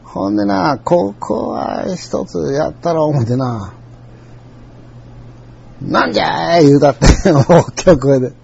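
Brief: older Kansai man, gravelly and dark, rambling reminiscence, muffled lo-fi recording. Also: on the high side, unhurried. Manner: rambling, chuckling anecdotal telling. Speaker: storyteller. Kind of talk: casual spoken reminiscence.

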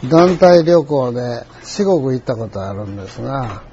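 An older man with a Kansai accent telling a rambling, reflective story in a folksy way, often clearing his throat. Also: medium pitch, expressive, moderate pace, warm tone, dull audio, slight background noise. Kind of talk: reflective monologue.

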